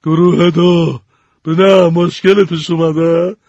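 A man voicing a stern, feared woman history teacher who speaks slowly and commandingly. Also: a little high, flat delivery, a little mellow, no echo, dull audio, pitched above the performer's own voice.

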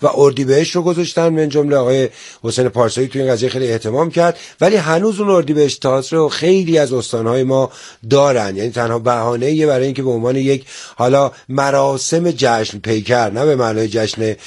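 A man in a studio interview who speaks in a polite, formal way. His pitch sits in the middle of the male range, and he tends to break off and restart his sentences. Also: darkish tone. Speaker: guest, theater organizer.

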